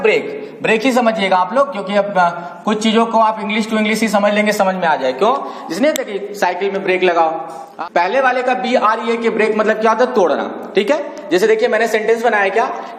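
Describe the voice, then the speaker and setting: A man teaching a lesson, spelling words letter by letter, reading example sentences slowly and often asking whether his students have understood. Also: sits high. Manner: keeps checking understanding with "clear?" and "okay?". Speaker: English teacher. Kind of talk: classroom-style lesson explaining homophones. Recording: echoey room with long reverb.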